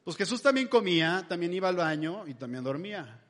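Pastor, high voice, casual jokey sermon delivery. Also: male voice, sing-song, brisk, a bit bright. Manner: chatty, humorous storytelling.

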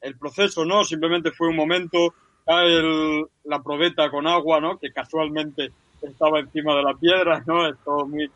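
A man's voice: a little high, flat delivery, normal speed, a bit bright, no room sound. A man chatting casually about films as a podcast panelist, jokey and often ending phrases with a question tag. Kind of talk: casual film discussion.

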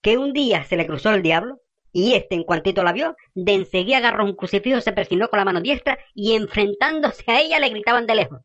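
A woman's voice: medium pitch, fast talker, fairly bright tone, muffled recording, lightly acted. A woman playing a fiery, foul-mouthed middle-aged gossip who rants indignantly in rural slang.

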